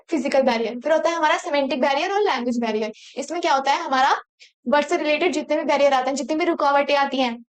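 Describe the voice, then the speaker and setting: A young woman teacher with a high voice gives an exam-prep lecture. She keeps asking the class rhetorical questions and then answers them herself. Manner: explains in Hindi mixed with English terms, asks the class rhetorical questions.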